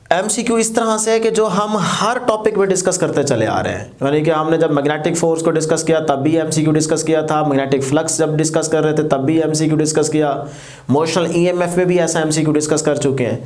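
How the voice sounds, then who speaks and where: A male physics teacher, explaining step by step, asking his students questions and slowing down to spell out equations as he writes. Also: on the high side, a little mellow. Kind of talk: classroom lecture.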